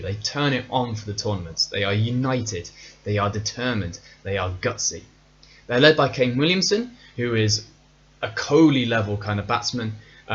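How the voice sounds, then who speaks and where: A man's voice: medium pitch, fairly bright tone, dull audio. Chatty man hosting a podcast. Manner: chatty, playful and self-mocking. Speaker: podcast host. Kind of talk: casual solo cricket podcast.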